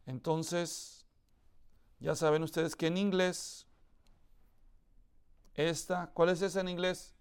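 High, clear-voiced preacher. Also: male voice, flat delivery, slow, pauses often. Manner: asks the audience questions often; explains with everyday examples. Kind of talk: sermon teaching to a congregation.

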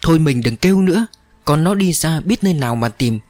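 A distraught mother pleads through her tears, played by a male narrator. The voice sits raised above his usual pitch and moves a lot, heard close with no room sound. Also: animated, a little fast, a little mellow, no room sound, lightly acted. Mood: pleading. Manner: crying, pleading. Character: distraught mountain mother, crying woman.

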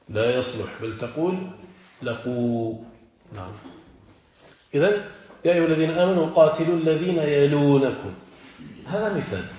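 Give me a man with a slightly high voice teaching a grammar class, explaining and checking whether the students follow, in a very echoey room. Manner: explanatory, checks understanding with repeated questions. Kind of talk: classroom lesson on verb morphology. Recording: echoey, dull lo-fi classroom recording with faint hiss.

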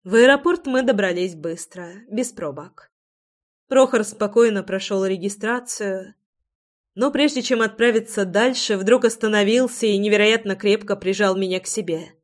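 A woman's voice: mid-range voice, moderate pace. A woman reading a first-person romance audiobook in an intimate, reflective way. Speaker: audiobook narrator.

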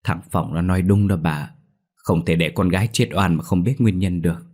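A man voicing an older father in a ghost story, quietly calming his grieving wife. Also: low voice, moderate pace. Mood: gentle, firm. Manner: soft, calming.

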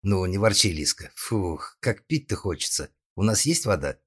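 A man's voice: sits low, animated, normal speed, slightly rough. A man voicing a brash, tipsy, impulsive young woman in an audiobook, speaking flippantly.

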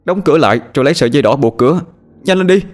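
A man voicing a possessed young man who rages, sobs and shouts urgent warnings in a ghost story. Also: a little high, animated, rapid-fire, soft background music, voice pushed up. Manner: frantic shouting, pleading in sobs.

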